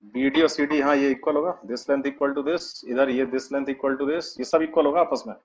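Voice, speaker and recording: A man's voice: mid-range voice, steady tone, normal speed. A male math teacher, explaining step by step and dictating notes in an online class, often checking understanding with "है ना?". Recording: dull lo-fi online class audio.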